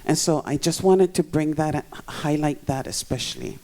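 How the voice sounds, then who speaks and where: A middle-aged community member with a Hawaii accent speaks at a public meeting in a community center room. The voice is dark and mellow, the delivery earnest and emphatic, leaning on repeated words to drive points home. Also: mid-range voice, moderate pace. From Waianae coast of Oahu, Hawaii.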